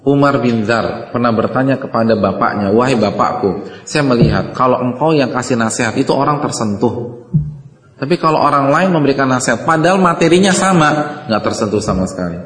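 Man preaching in an echoey hall. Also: medium pitch. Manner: asks the audience questions, with Arabic quotations. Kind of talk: religious lecture to a congregation. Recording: echoey hall with long reverb.

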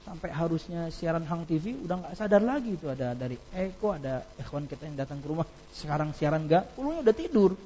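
A man's voice: a little high, sing-song, fast, hardly any pauses, dark tone, muffled recording, slight background noise. A man giving an informal religious lecture, telling anecdotes with laughter and reciting Arabic passages. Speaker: preacher.

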